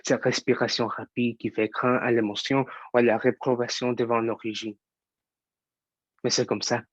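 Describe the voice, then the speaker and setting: A man's voice: medium pitch, little pitch movement, normal speed, breathy edge, no room sound, lo-fi sound, natural voice. A young man, a student actor, performing an impassioned theatre monologue as an angry young actor who fights prejudice. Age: young adult.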